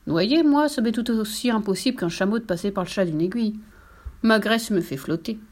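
A woman's voice: medium pitch, fairly quick, natural voice. Woman doing a hearty, boastful sea captain. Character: big jolly sea captain father.

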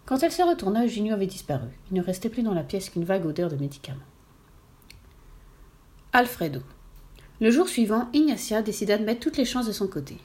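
A woman narrating a children's tale with lively, expressive reading. Her voice is mellow and darker in tone, at a middle pitch. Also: fairly quick, long pauses. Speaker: storyteller. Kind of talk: reading a children's story aloud.

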